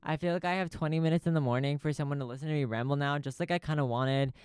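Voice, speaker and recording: A man's voice: on the high side, steady tone, racing, darkish tone, clear, resonant tone, no echo. A man hosting a podcast in a small recording studio, rambling through a profane, stream-of-consciousness info dump. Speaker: podcast host. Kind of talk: casual rambling monologue.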